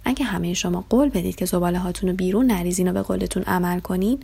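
A woman's voice: fairly low pitch, vocal fry, warm tone, slightly rough. A woman reading the lines of a weary, kind old man in a children's story, close to her own voice. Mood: calm.

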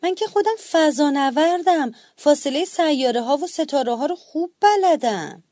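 A woman's voice: high-pitched, lively intonation, mellow, no room sound, studio quality, voice pushed up. A woman reading a children's storybook, voicing a cheerful young schoolboy who thinks he's an astronaut, in an eager, earnest tone.

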